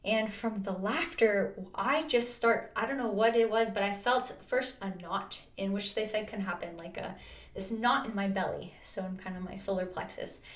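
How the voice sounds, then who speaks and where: A woman's voice: medium pitch, normal speed. Woman vlogger, mid-range voice, earnest chatty storytelling, echoey room. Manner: earnest, chatty, full of "like" and restarts. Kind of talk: personal storytelling. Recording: roomy echo.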